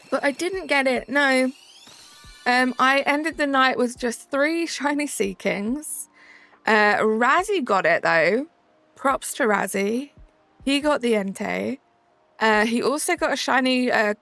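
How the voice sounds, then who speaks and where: A young woman with a Southern English accent chats on a casual live stream, going through viewer comments and answering with fillers like "um" and "like." Her fairly high voice has vocal fry and a fairly bright tone.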